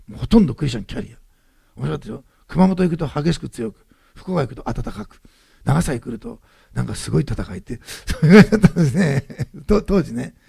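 A man preaches quickly and emphatically, repeating his key lines. His voice sits high but sounds husky and mellow. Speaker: pastor. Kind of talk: sermon.

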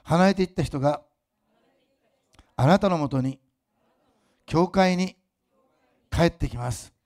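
A male preacher leads his congregation in a fervent sermon. His voice sits a little high with a rough, gravelly texture. He swings between loud emphatic declarations and hushed, close asides. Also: slow pace. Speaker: pastor.

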